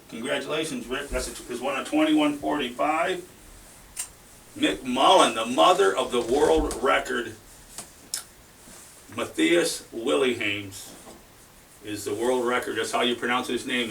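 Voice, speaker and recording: A man hosts a giveaway drawing in a chatty, folksy manner and stretches out each name he calls. His voice is gravelly. He sits back from the microphone, and faint hiss runs under the home recording. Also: medium pitch, a bit bright, far from the mic, low-quality recording. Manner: folksy, chatty, announces names with drawn-out emphasis. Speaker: host of a seed giveaway drawing. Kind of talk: casual chat.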